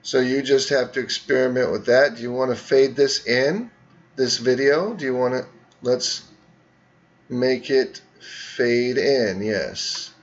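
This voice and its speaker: A male teacher walks students through a screen tutorial at an unhurried, deliberate pace, explaining each click one step at a time. His voice sits at a middling pitch. The recording sounds a little dull and lo-fi. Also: fairly even intonation.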